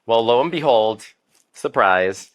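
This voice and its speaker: A man's voice: mid-range voice, lively intonation, takes it slowly. A man in his fifties from Miami whose first language was Spanish, telling his story as a doctor in an interview. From Miami, United States. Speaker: doctor, podcast guest.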